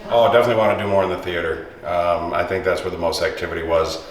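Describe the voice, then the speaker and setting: A man's voice: low-pitched, steady tone, fast, a little hiss or hum. A man investigator talking eagerly and a bit ramblingly about the night's activity. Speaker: paranormal investigator. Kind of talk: casual reflection to camera. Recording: echoey room, distant mic, faint ambience.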